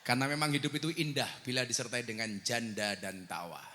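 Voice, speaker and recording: A man's voice: medium pitch, expressive, fast, pushed and bright, big-room sound, a little hiss or hum. A man preaching a humorous live sermon, teasing the crowd and breaking into sung prayers.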